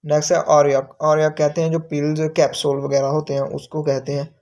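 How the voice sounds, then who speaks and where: A man's voice: on the high side, flat delivery, darkish tone, lo-fi sound. A man teaching from a textbook, reading each word aloud and then explaining what it means. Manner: repeats words slowly, explains each term. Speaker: Korean language teacher.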